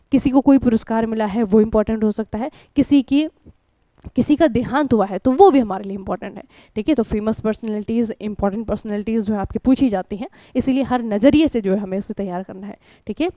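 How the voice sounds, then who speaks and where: A woman's voice: a little high, quick pace, mellow, no echo. An Indian woman teaching an online exam-prep lesson in a conversational way, often checking in with her students. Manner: conversational, keeps asking "ठीक है?" and addressing students as children. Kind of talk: online current-affairs lesson.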